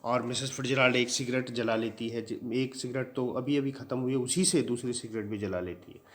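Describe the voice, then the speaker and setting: A man's voice: mid-range voice, fairly even intonation, fairly quick. A male teacher explaining a play line by line, retelling it plainly and mixing in English words.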